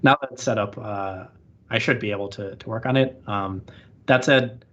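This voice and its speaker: An interview guest on a podcast chats casually and rambles, using "like" as a filler constantly. His voice is on the low side and a bit bright, at a moderate pace, and the audio sounds muffled and lo-fi.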